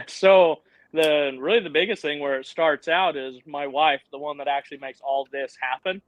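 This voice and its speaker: A man's voice: fairly high pitch, normal speed, dry recording, low-quality recording. A man in his thirties, a guest on a live show, talking about his off-road trips in an upbeat way and laughing easily. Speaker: guest, off-road channel owner. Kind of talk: casual interview chat.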